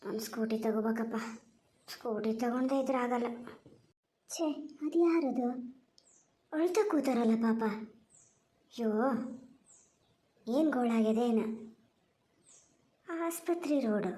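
A voice actor playing a talkative, kind-hearted village woman in a cartoon who coaxes and scolds briskly. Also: medium pitch, lightly acted. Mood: bossy kindness. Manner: brisk, loud, coaxing and scolding chatter. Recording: echoey room.

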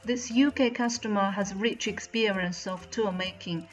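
A Chinese woman in her thirties, speaking with a Chinese accent, narrates a scripted factory walkthrough in careful, slightly non-native English. As channel host and mold company representative, she talks at normal speed in a medium-pitched voice over soft background music. She is filmed indoors against a plain bright backdrop by a front-facing camera in medium close framing.

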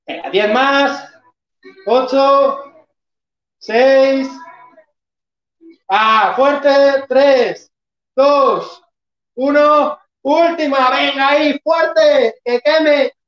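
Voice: high-pitched, fairly even intonation, extremely slow, pauses often. Echoey lo-fi fitness instructor counting reps. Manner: counts reps and urges the class on, sometimes shouting. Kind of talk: live online workout class. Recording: echoey room, far from mic, dull lo-fi.

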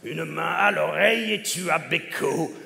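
A man's voice: a little high, measured pace, gravelly, bright, forceful tone. A man performing a comedy sketch on stage, jumping between many impressions and snatches of song. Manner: jumps between many celebrity impressions, singing bits. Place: large theatre stage. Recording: hall reverb with live audience.

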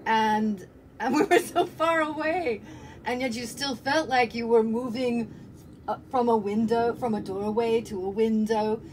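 An older woman, an actor, reflects casually during a video-call interview from an indoor room with a cloth backdrop. Her voice is a little high and darkish in tone, and she speaks a little slowly. Faint ambient noise comes through the call.

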